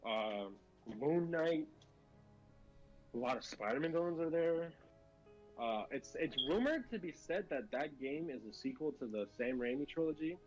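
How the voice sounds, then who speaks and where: A man's voice: fairly high pitch, expressive, normal speed, highs cut off, music in the background. A man chatting casually about video games as co-host, rambling with many fillers and restarts. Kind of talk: casual gaming chat.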